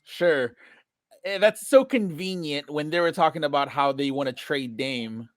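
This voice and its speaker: A high-voiced man hosts a laid-back podcast, joking around and laughing easily. His voice sits close and dry on the mic, with no room sound behind it. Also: dry recording. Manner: laughs a lot, quick joking delivery. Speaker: podcast host. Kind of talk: casual banter on a trading show.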